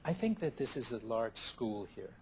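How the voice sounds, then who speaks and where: A man answering interview questions in a thoughtful, measured way, often listing ideas one after another, heard from a worn VHS tape copy. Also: medium pitch, sing-song, slight background noise. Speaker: interview guest, therapist.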